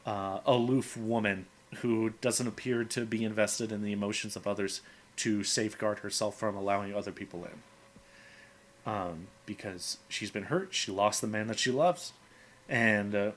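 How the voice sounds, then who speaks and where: A man chatting about the backstory of a tabletop game character. His voice is bright and forward. He talks in an easy, casual way. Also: lowish voice. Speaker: player.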